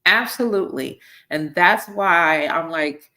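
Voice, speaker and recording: A low-pitched woman hosts a live-streamed teaching talk. She keeps it conversational and often tags her sentences with "right?" or "okay?" to draw her listeners in. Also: takes it slowly, sharp tone. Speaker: host, missions team leader.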